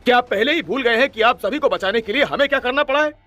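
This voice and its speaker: Man voicing a furious shouting leader, bitter and indignant, pitched high above his usual voice, dry close sound. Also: fast talker, no echo, faint music behind. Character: furious young male leader defending his people.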